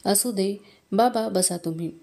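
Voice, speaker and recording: A woman reading the lines of a gentle, humble and sorrowful king in an audiobook of a historical novel, speaking softly and respectfully. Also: medium pitch, gravelly. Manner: soft, respectful, measured.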